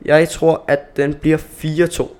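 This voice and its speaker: A man's voice: on the high side, level tone, darkish tone. Man in casual sports chat. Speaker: co-host giving football predictions.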